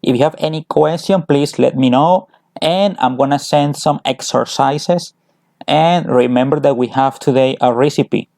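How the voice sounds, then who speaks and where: Slow, gravelly teacher. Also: male voice, mid-range voice, darkish tone, no echo. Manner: switches between English and Spanish, explaining patiently. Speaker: English teacher. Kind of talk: bilingual grammar lesson.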